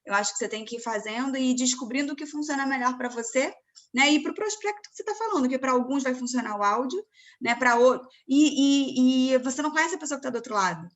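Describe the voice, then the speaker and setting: A woman from Brazil hosting a casual chat, talking warmly and loosely with lots of "né" fillers. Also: high voice, expressive, fast. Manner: chatty, many fillers like "né". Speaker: host.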